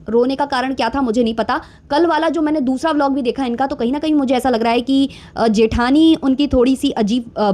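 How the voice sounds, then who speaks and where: A woman's voice: fairly high pitch, darkish tone. A woman giving casual vlog commentary, outspoken and indignant as she rants about other creators. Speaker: YouTube commentator.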